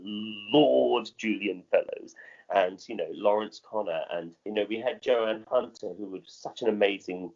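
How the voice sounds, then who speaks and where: A middle-aged man with a modern British accent answers interview questions conversationally as a theatre director, haltingly, often repeating and rephrasing himself. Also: lowish voice, steady tone, darkish tone, muffled recording.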